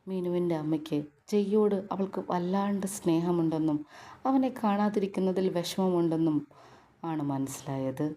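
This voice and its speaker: A woman narrating an audio story in a calm, low-key way. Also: moderate pace, slight background noise.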